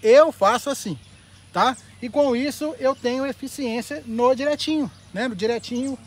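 A man with a Brazilian accent doing excited live fishing commentary outdoors at a pond, talking straight to his viewers and repeating his catchphrases. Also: very high-pitched, moderate pace. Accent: Brazilian Portuguese. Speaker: fishing vlogger.

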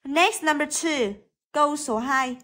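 Vietnamese woman teacher going through english exercises, high voice, takes it slow, says words over and over. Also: sharp tone. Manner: slow and careful, repeats words to model pronunciation. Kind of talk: explaining textbook exercises.

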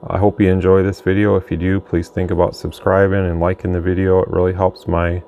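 A man who reviews radios on his channel gives a casual, rambling, plain-spoken demo at an indoor workbench, speaking a little fast in a low, creaky, mellow voice with little pitch movement. The audio is dull, carrying faint background noise and room ambience.

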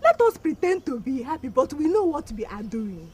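A woman's voice: sits high, very animated, moderate pace, dark tone. An actress playing a bossy, defiant village woman with a Nigerian accent, speaking emphatically in a film. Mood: firm, encouraging. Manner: emphatic, declarative.

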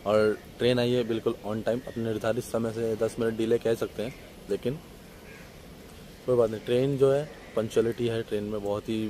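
A man's voice: on the low side, poor audio. A young man in his twenties narrating a casual travel vlog to a phone camera held at arm's length, chatting with viewers on a train and then on a station platform. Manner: chatty, talks straight to camera, addresses viewers as friends. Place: inside a moving train, later outdoors on a station platform. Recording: loud train and outdoor noise behind.

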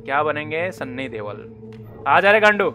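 A man's voice: a little high, very animated, moderate pace, sharp tone, soft background music. A young man casually commentating a game as he plays, joking and teasing the enemies on screen. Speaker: gaming YouTuber. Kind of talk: casual Hindi gameplay commentary.

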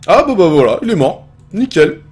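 Brief: young French male gaming host, lively pitch, excitable and swearing play-by-play commentary. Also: normal speed, faint music behind. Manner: excitable, swears often, shouts and laughs at the game. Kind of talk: casual gameplay commentary.

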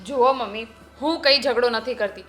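An actress playing a younger daughter-in-law who argues back sharply and complains about doing all the housework. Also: female voice, fairly high pitch, moderate pace, a bit bright, soft background music, natural voice. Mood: defiant. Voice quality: argumentative, retorting. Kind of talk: village family drama acting.

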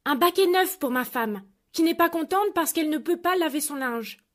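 A woman's voice: very high voice, expressive, moderate pace, voice pushed up. A woman voicing a poor, meek old fisherman who obeys his wife.

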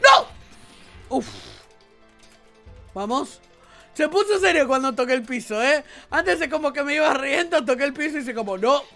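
A woman with an Argentine accent, a gaming YouTuber doing let's play commentary, excitable, often shrieking and laughing, with a sore throat. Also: high voice, normal speed, faint music behind. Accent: Argentine Spanish.

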